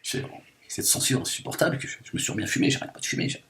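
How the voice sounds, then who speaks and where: A man's voice: very fast, fairly bright tone, a little hiss or hum, lightly acted. A man voicing a self-declared liberated woman in a satirical monologue, ranting with endless fillers in mock indignation. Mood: indignant. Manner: rambling rant full of fillers, mock-indignant.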